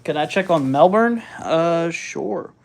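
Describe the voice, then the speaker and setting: A man hosting a live weather stream, giving casual, halting commentary as he thinks aloud and reads out figures. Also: a little high, expressive, vocal fry. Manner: informal, halting, thinking aloud while looking things up. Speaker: weather livestream host.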